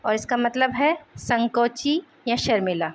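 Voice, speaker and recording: A young woman teaching English vocabulary in Hindi, repeating each word slowly and explaining its meaning. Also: fairly high pitch, animated, slight background noise.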